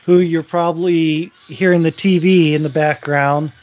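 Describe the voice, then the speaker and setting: On a casual podcast, a co-host from Virginia in his forties rambles along, frequently starting over. He speaks at a measured pace with fairly even intonation, his voice on the high side and a little mellow, through dull audio.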